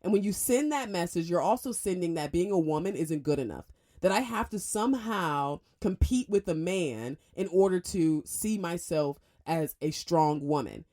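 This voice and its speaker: A woman hosting a radio talk show, delivering an emphatic, opinionated monologue in a studio, speeding up in bursts and jumping up in pitch for emphasis. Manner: emphatic, lively, fast bursts and sudden pitch jumps.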